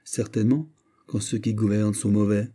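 A man's voice: fairly low pitch, level tone, normal speed, dark tone, natural voice. A man voicing a cautious, earnest scholar who raises worried objections in an audiobook. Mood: objecting. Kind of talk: audiobook character voice.

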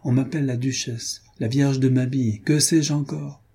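A man's voice: medium pitch, steady tone, normal speed, warm tone, slightly rough, voice pushed up. A man voicing an impassioned young woman, a ballroom duchess, in an audiobook reading. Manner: impassioned, indignant, theatrical.

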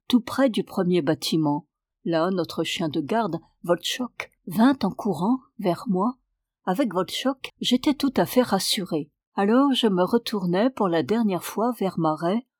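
A woman reading a classic story aloud in a measured, clear storytelling voice. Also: mid-range voice, darkish tone, no room sound. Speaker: reader. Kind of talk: literary reading.

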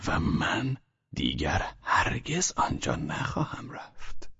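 A man voicing a weary, irritable gentleman who mutters in a low, clipped way. The voice is husky and the sound is dry. The recording is dull and lo-fi. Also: no room sound, exaggerated voice. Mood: muttering.

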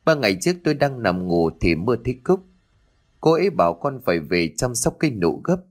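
A heartbroken young village husband and father, voiced by a male narrator, with a lowish voice that breaks into a choked lament. His delivery swings widely in pitch. Soft music plays beneath the storytelling.

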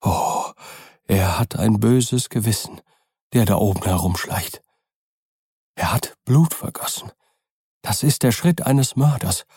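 A man voicing a frightened, loyal old servant who speaks in a hushed, fearful way, with a gravelly voice. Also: lowish voice, animated, slow, long pauses, no room sound, studio quality, full character voice.

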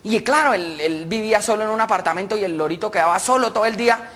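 Lively man telling jokes. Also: high voice, quick pace. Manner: lively, chatty storytelling. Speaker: joke teller. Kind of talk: radio comedy, telling jokes.

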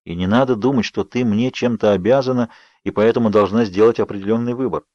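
A man voicing Edward, a sorrowful ageless vampire who speaks softly and with resignation, in an audiobook. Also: on the low side, fast, no echo, lightly acted. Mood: gentle. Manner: soft, murmured, resigned. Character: sorrowful ageless vampire youth, gentle and restrained. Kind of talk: audiobook character reading. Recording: dry, slightly dull studio read.

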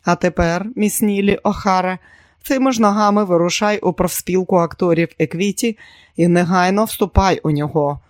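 A suave, easygoing theatre agent speaks in a smooth, businesslike tone, voiced by a male narrator. His voice sits a little high for a man and sounds dry and close. It is a storybook reading with no room sound. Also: fairly even intonation, normal speed, no room sound, lightly acted.

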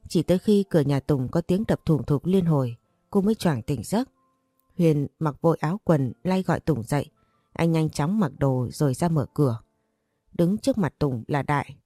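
Woman narrator, romance audiobook, steady reading, low pitch, dry close sound, faint music behind. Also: moderate pace, no echo. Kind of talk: scripted narration of a romance story.

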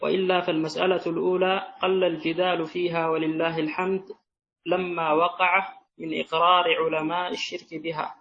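Measured male reader, flat delivery. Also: a little high. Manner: measured, deferential recitation. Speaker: student reading the text aloud. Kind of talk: reading a classical text aloud. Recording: dull sound with faint hiss.

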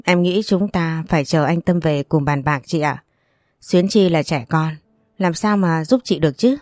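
Woman reading as a calm, sensible aunt. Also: low voice, moderate pace, no room sound, close to an everyday voice. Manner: calm, reasoning.

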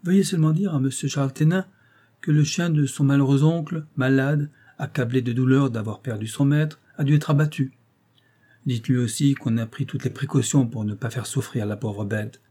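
A man reading an audiobook, voicing a polite, cunning gentleman detective who speaks courteously and with insinuation. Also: mid-range voice, normal speed, close to an everyday voice.

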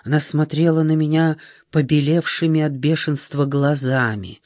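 A man narrating an audiobook in an expressive, unhurried storytelling manner. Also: a little high, dry recording, studio quality. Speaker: audiobook reader. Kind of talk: scripted narration.

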